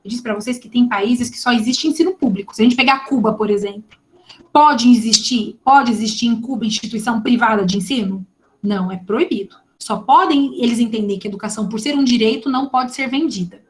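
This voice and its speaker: A woman's voice: fairly high pitch, fairly quick. A middle-aged woman with a Brazilian Portuguese accent, giving a chatty online lecture on education law and firing rhetorical questions at her students. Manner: lively and chatty, asks the audience rhetorical questions. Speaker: teacher.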